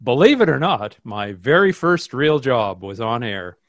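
A man acting out a pompous, self-absorbed radio host with fussy, overly precise diction, his voice swinging widely in pitch. He is recorded close and dry in a comedic radio sketch. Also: sing-song, unhurried, fairly bright tone, no echo, dull audio. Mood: self-satisfied.

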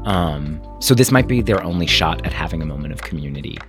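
A man with a low voice talks earnestly and loosely, full of fillers and restarts. He gets choked up at times. Faint music plays under his words. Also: expressive, fast. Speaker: camp founder, guest. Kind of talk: interview clips.

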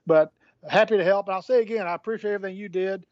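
Halting man on a muffled line. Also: sits high, a little mellow. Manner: halting, repeats words, many fillers. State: hiccups. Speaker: guest, former sports executive. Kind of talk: candid phone interview.

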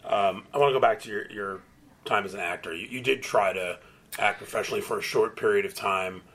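A man's voice: on the low side, brisk, fairly bright tone. A male host interviewing a guest, casually prompting her and laughing along.

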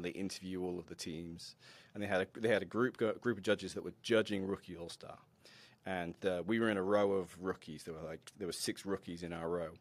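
A man who mentors a robotics team, a podcast guest telling animated, self-deprecating stories with frequent laughter. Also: low-pitched. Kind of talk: conversational interview storytelling.

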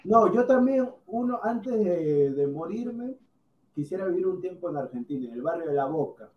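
A man's voice: sits high, very animated, moderate pace, echoey room, lo-fi sound. A man with a Peruvian accent, co-hosting a casual football podcast, joking and talking over the others. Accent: Peruvian Spanish. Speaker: podcast co-host.

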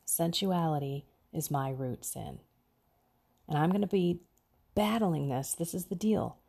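A woman's voice: sits low, unhurried, vocal fry, warm tone, husky. A woman hosting a podcast, giving an earnest, preachy personal faith talk with bursts of emphasis. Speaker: podcast host.

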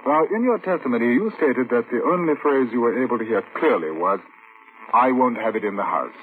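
A male actor plays a methodical, courteous police inspector narrating his own investigation in a 1940s-1950s radio drama. His mid-range voice is lightly acted, with lively inflection, as he politely asks formal, measured, probing questions. The vintage recording sounds tinny and hissy.

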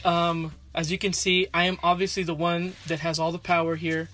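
A man's voice: fairly high pitch, flat delivery, normal speed, bright, forceful tone, slight background noise. A young man co-hosting a casual podcast inside a closet, rambling with lots of filler words. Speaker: podcast co-host. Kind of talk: casual chat. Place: inside a small closet at his parents' house.

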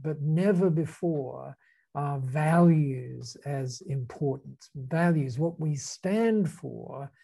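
A man with a soft-edged, mellow voice presents ideas in a conversational way. He moves haltingly and deliberately, leaning on key words. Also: fairly high pitch, creaky. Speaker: speaker presenting ideas to a group. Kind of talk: conversational explanatory talk.

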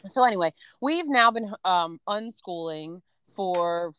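A woman's voice: lowish voice, lively intonation, slow pace, a bit bright, clear, resonant tone, no echo, muffled recording. A woman in her thirties, a homeschooling mom co-hosting a podcast, talking frankly and casually with lots of "um" and "you know". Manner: chatty, frank, many fillers like "um" and "you know".

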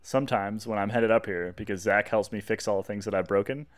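A man's voice: on the low side, fast. A man chatting casually on a podcast in a playful way.

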